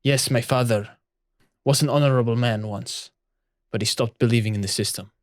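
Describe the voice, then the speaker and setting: A man's voice: mid-range voice, steady tone, normal speed, no room sound, studio quality, lightly acted. A man voicing a proud, honor-obsessed woman naval officer in a put-on Spanish accent, earnestly lecturing. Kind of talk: improvised tabletop role-play.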